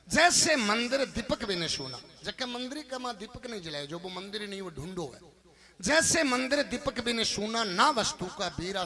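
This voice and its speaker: A middle-aged man with a Rajasthani accent who sings devotional folk verses and then tells lively comic village stories as a religious storyteller. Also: high-pitched. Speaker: bhajan singer and religious storyteller.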